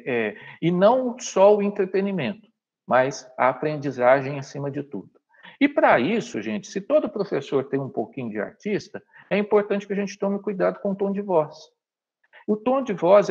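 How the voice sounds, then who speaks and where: A Brazilian man teaches a live online workshop over a video call, with a fairly high, husky voice. He talks straight to his audience and checks in with "tá?" as he explains. The audio is dull and lo-fi. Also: a little mellow. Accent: Brazilian Portuguese. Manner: explanatory, addresses the audience directly, frequent "tá?" checks.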